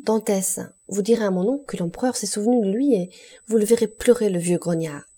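A good-natured, middle-aged shipowner who talks cordially and with exclamations, as a woman reads him in an audiobook. The voice sits low with a gravelly, husky edge. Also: expressive, moderate pace, dark tone, exaggerated voice. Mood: friendly. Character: warm middle-aged male shipowner, jovial. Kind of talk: audiobook reading.

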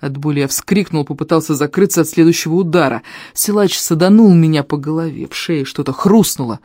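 Expressive audiobook narrator, dark dry sound. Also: mid-range voice, brisk, no room sound. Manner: expressive, emotional storytelling. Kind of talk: first-person fantasy audiobook narration.

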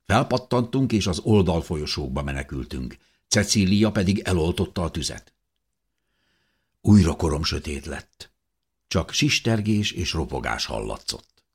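A man's voice: low-pitched, very animated, husky. A man narrating a novel in the first person, telling the story expressively as an audiobook reader.

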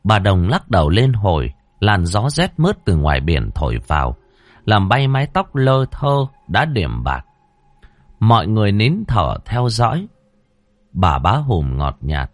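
Slow, low-voiced ghost-story narrator man. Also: dry recording. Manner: dramatic, expressive, deliberate.

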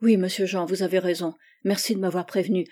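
A woman's voice: fairly low pitch, fairly even intonation, quick pace, mellow, close to an everyday voice. A woman reading the part of a modest, polite young working man in an audiobook.

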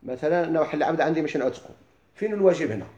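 A middle-aged man with a Moroccan accent, teaching a classroom lesson. He keeps asking his listeners quick questions and then answers them himself. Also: on the high side, expressive, darkish tone, echoey room. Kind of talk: classroom lesson explaining legal theory.

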